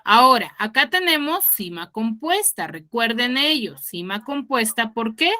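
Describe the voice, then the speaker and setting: A woman's voice: fairly high pitch, sing-song, unhurried, pushed and bright. A woman teaching an online class, quizzing her students and explaining step by step with patience. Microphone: video call.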